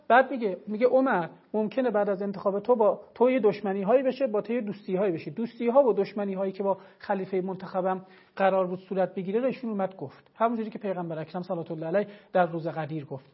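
A man's voice: high voice, muffled recording. A man as a religious scholar guest giving an emphatic, argumentative televised lecture and citing his sources.

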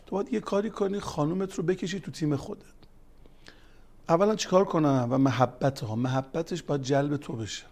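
Guy with a warm gravelly voice giving a religious talk, tells counseling stories, quotes scripture. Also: on the high side. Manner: storytelling, quoting scripture, grows emphatic. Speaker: family counselor and religious speaker.

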